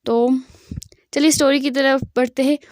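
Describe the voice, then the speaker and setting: A woman's voice: high-pitched, level tone, normal speed, a little mellow, dry recording. A woman retelling a fan fiction story in a chatty, casual way, full of fillers.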